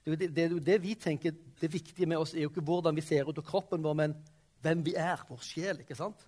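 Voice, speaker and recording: A man with a fairly high voice leads a classroom discussion. He tosses questions to the class and keeps checking that they follow. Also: fairly even intonation, mellow. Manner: questioning, prompting the class with frequent "sant?" and "ok?". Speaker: teacher.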